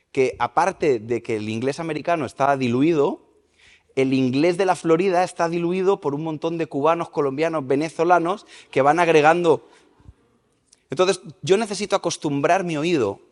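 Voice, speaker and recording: A man preaching a sermon at a church service, lively and questioning the congregation. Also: a little high. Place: church service in a large hall. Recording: reverberant church hall.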